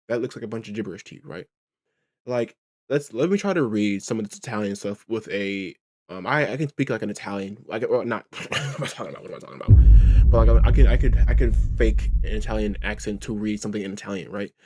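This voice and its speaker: A man's voice: fairly low pitch, a little mellow. A man giving a casual, rambling reaction commentary, full of slang and filler. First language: English. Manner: rambling, slangy, says bro a lot. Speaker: reaction video host.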